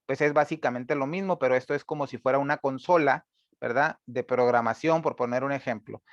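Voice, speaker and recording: A man teaching a screen-recorded programming lesson, patient and step by step, filling pauses with "eh" and checking in with "¿verdad?". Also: mid-range voice, no echo, lo-fi sound. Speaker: instructor.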